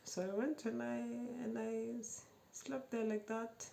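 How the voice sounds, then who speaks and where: A woman giving a personal testimony, telling her story in a lively way, laughing often and acting out the quoted dialogue. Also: fairly high pitch, unhurried, gravelly, a little hiss or hum. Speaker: testimony speaker.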